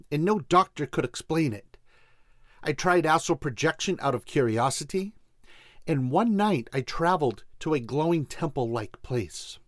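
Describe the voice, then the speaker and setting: A man from Boston, USA, with a Boston accent hosts a motivational spiritual talk show, folksy in manner and speaking straight to his listeners. His voice is on the high side, recorded dry with clean studio sound.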